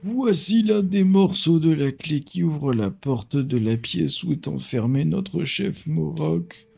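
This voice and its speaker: Man putting on a slow, very old man. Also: fairly high pitch, expressive, vocal fry, darkish tone, slightly rough, soft background music, pitched above the performer's own voice, full character voice. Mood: grave, urging. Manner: slow, solemn very old man's delivery. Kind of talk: voicing video game dialogue.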